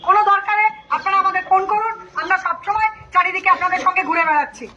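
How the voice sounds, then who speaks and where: A woman's voice: very high-pitched, fairly even intonation, racing, background noise. Woman pleading through a dull megaphone. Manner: pleading, reassuring announcing. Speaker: police announcer. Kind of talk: public announcement.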